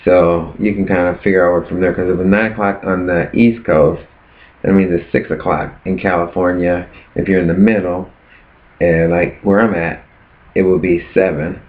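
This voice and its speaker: A man with a very low voice preaches earnestly to camera, posing rhetorical questions. His words come through thin and tinny, like over a phone line. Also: level tone, moderate pace. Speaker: preacher sharing his fast. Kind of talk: casual preaching vlog.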